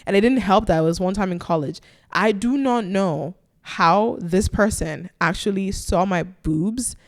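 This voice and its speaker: Young Nigerian-born woman, solo podcast host; chatty and playful with a gravelly edge to her mid-pitched voice. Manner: chatty, playful, self-teasing, quick asides. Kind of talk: casual solo podcast chat.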